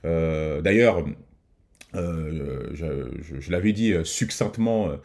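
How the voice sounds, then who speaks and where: A man's voice: a bass voice, slow, a little mellow. A man hosting a reaction video, talking casually with many hesitations and restarts. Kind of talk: casual commentary.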